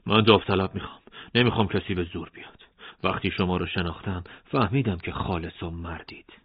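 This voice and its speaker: A calm army major who persuades rather than commands, as a man narrating puts him on. The voice is low and husky. The recording is dull and lo-fi. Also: no echo. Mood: persuasive.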